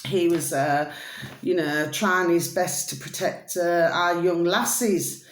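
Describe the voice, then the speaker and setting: A woman's voice: on the low side, takes it slowly, slight background noise. A middle-aged woman with a broad Scottish accent, rambling casually to her viewers with repeated affectionate catchphrases. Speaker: video blogger. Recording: echoey room.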